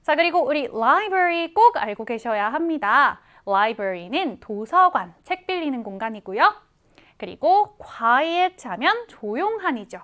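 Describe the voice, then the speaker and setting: A woman teaching English vocabulary to students, explaining each word slowly and clearly and repeating example readings. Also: high voice, sing-song, a bit bright.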